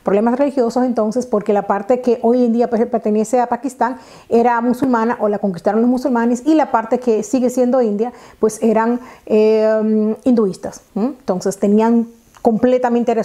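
Dominican accent woman, chatty, lots of fillers, higher pitch, warm mellow tone, lapel mic, living room. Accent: Dominican Spanish. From Dominican Republic. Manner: chatty, animated hand gestures, many fillers and restarts. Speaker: vlogger. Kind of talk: casual storytelling to camera. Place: living room at home, indoors.

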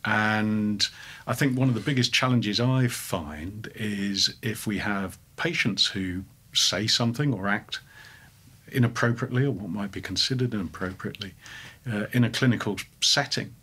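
A man with a low, husky voice speaks in a measured, reflective way. His tone is bright and somewhat tense. He pauses and restarts as he thinks aloud. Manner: measured, hesitant, with fillers and restarts. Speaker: head of a dental school, interviewer. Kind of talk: thoughtful discussion.

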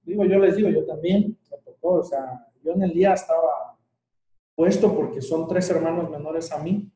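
High-voiced Mexican man in an echoey room. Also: normal speed, warm tone. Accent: Mexican Spanish. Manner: colloquial, chatty, laughs between remarks. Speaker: workshop leader. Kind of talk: casual group talk. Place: indoor room with a group. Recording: echoey room, distant mic.

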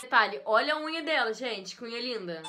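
A woman's voice: on the high side, lively intonation, brisk, over music. A young Brazilian woman hosting a reaction vlog, playful and self-mocking, with exaggerated intonation. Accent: Brazilian Portuguese. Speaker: youtuber host.

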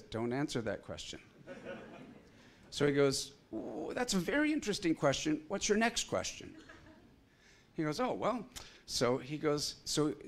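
A man preaching a sermon, telling a story with animated, acted-out quotes. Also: on the high side. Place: church.

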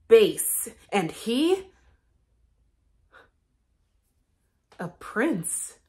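A young woman playing a lovesick jailer's daughter in a comedic classical stage monologue, with theatrical pauses and swells. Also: on the high side. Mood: despairing. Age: young adult. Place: indoor studio with plain backdrop.

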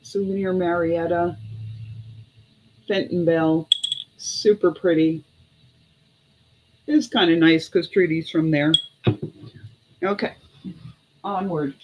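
Background noise fills the recording as a middle-aged woman, on the low side in pitch and steady in tone, runs a relaxed live online auction of vintage glass. Working from a small room at home, she chats between bids and prices, unhurried and pausing.

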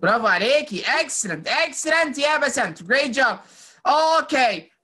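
Egyptian woman teacher on a video call, bright and encouraging, mixes English into her Arabic. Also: sits high, lively intonation, moderate pace, slightly rough. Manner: coaxing and praising, mixing in English words. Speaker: phonics teacher for children. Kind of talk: online class drilling children.

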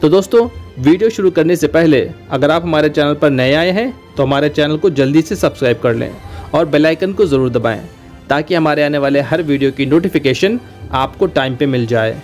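A man's voice: fairly high pitch, lively intonation, fairly quick, a little mellow, soft background music. A man, an English trainer teaching pronunciation in a video lesson, explaining patiently and repeating example words.

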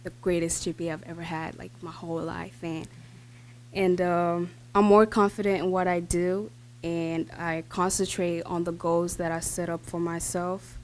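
A teenage girl with a lowish voice and level tone speaks at normal speed into a podium microphone. As a student speaker at a school board meeting, she reads a prepared speech from notes, with fillers and restarts.

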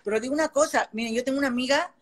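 Older woman with a Veracruz accent, lively guest telling animated anecdotes in a somewhat higher voice. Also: racing. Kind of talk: casual chat.

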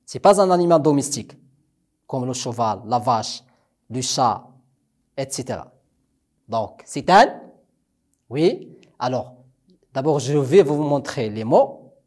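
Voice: mid-range voice, animated, slow, long pauses, a little mellow. A primary school French teacher, giving a recorded lesson and patiently repeating each word for the children to echo.

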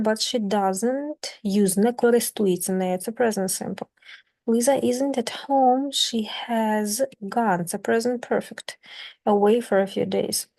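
A Ukrainian-accented woman teaching beginner English grammar, reading example sentences slowly and translating them, affectionate toward her students. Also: on the high side, darkish tone. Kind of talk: grammar lesson explained in Ukrainian.

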